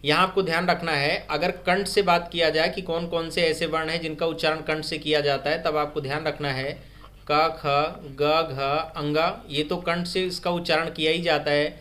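A man teaching a live online grammar quiz, repeating each question and urging viewers to comment their answers fast. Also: fairly high pitch, level tone, pushed and bright. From India. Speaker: online exam-prep teacher. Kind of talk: live-stream Hindi grammar quiz lesson.

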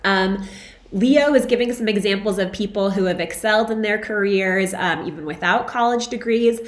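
A young woman instructor, hoarse from being sick, records chatty lecture feedback for her students over a webcam in a small, echoey room at home. Her mid-range voice moves at normal speed, peppered with "right?" and "um."

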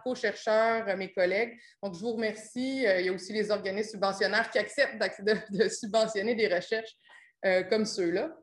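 A woman's voice: medium pitch, echoey room. A woman researcher from Quebec with a Québécois accent, presenting a seminar over a video call, with many fillers and restarts. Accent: Québécois French. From Quebec, Chaudière-Appalaches region. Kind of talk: academic talk and Q&A on a video call.

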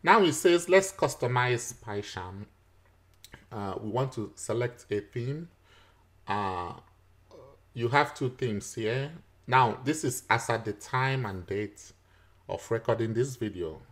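A man teaching a screen-recorded software tutorial, explaining each step patiently, with frequent fillers and chuckles. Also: medium pitch, lively intonation, takes it slowly.

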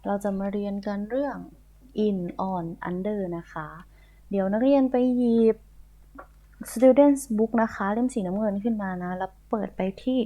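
Patient teacher on tinny audio. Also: female voice, fairly high pitch, moderate pace. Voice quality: patient, repetitive, spells words letter by letter. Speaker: primary school English teacher. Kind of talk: recorded online lesson.

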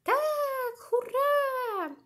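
A woman doing an excited little boy, high and bright. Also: very slow, exaggerated voice. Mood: overjoyed.

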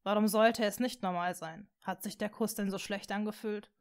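A woman reading a fan story aloud, voicing a gentle, tentative blond teenage boy wizard in a soft, hushed voice. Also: medium pitch, fairly even intonation, moderate pace, natural voice.

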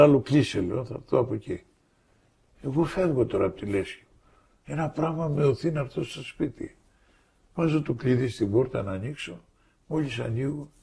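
A man's voice: mid-range voice, gravelly, dark tone, husky. An older man giving a faith testimony, telling his story with energy and acting out the voices of the people in it. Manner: acts out quoted dialogue with shifting voices.

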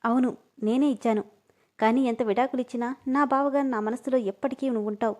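A woman's voice: a little high, fairly even intonation, quick pace, darkish tone, lightly acted. A woman reading the part of an emotional young woman who pleads and cries, in a storybook. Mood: tearful.

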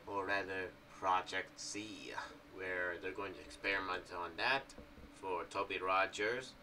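A young adult YouTube vlogger offers casual, rambling commentary on a horror audio series from a small room at home, halting and repeating himself. His fairly low voice is bright and forward, steady in tone and a little slow. He uses a boom-mounted condenser mic with a pop filter, but sounds somewhat distant, with faint background noise.

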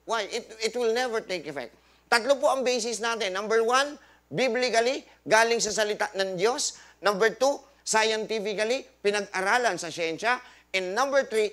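A high, bright-toned man lectures a live audience at a health forum. He talks like a preacher, firing rhetorical questions, quoting scripture and dropping jokey asides. He slips English phrases into his Tagalog. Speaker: doctor hosting a health forum.

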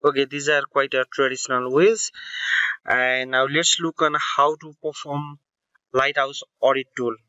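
A man's voice: mid-range voice, flat delivery, unhurried, pushed and bright, dry recording, muffled recording. A man narrating a screen-recording tech tutorial, explaining step by step with fillers and self-corrections.

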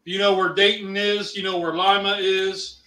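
A man from Ohio, USA, speaks at a normal speed in a high-sitting voice with a level, sharp tone. He co-hosts a casual livestream, chatting and reading out viewer comments hesitantly with lots of fillers, recorded in a roomy space with the mic at a distance.

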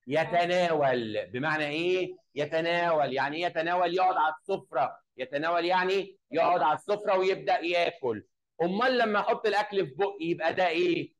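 A man's voice: a little high, rough recording. Egyptian man drilling a class. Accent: Egyptian Arabic. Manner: drills phrases slowly and repeats them, questioning pupils. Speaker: English teacher. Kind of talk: classroom lesson.

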